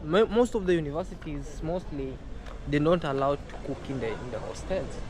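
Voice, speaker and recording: A man's voice: fairly high pitch, a little fast. A man with a Kenyan accent chatting casually for a vlog, exclaiming and easily impressed. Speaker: vlogger visiting a university. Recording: very noisy outdoors, wind and engine.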